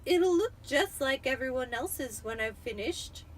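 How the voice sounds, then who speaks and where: A woman's voice: high-pitched, animated, slight background noise. A tipsy woman voicing a stern, snappish, disdainful aunt in a storybook, drawing her words out. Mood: snappish irritation. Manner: snappish, drawn-out delivery.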